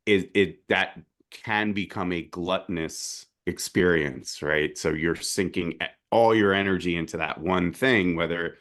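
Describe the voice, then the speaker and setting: A man co-hosting a podcast, with a deep morning voice, reflecting steadily in casual conversation. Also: measured pace, few pauses, fairly bright tone. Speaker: podcast co-host. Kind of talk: casual discussion.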